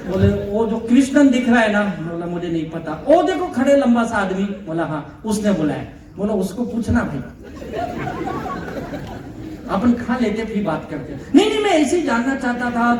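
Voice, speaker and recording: A man's voice: extremely high pitch, normal speed. A man telling a comic story to a live audience as a motivational speaker, acting out the dialogue in it. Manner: animated, comic, acts out dialogue. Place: large hall with audience. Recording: echoey hall, distant mic, crowd noise.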